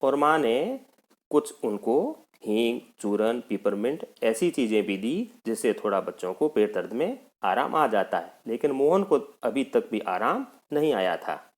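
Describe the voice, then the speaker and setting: Lively male teacher explaining a story. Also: medium pitch, a little slow. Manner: addresses children, explains idioms. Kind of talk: reading and explaining a school lesson.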